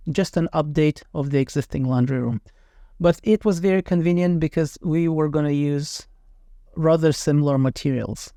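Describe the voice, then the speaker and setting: A man narrating an informal project review as a renovation company representative, speaking in a somewhat halting way with self-corrections. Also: fairly high pitch, mellow, no echo, clean studio sound.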